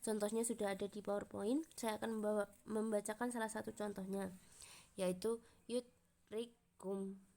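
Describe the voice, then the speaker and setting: A young woman from Indonesia, a university student, reads a class presentation in a steady, explanatory way and slows down to recite Arabic examples. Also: medium pitch, creaky. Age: young adult.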